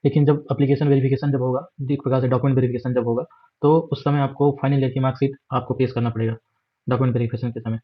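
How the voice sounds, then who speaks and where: An exam guide presenter with an Indian accent talks very fast, his mid-range voice showing little pitch movement. He steadily explains a job notification displayed on screen, with fillers and English words mixed in. The recording quality is dull and lo-fi.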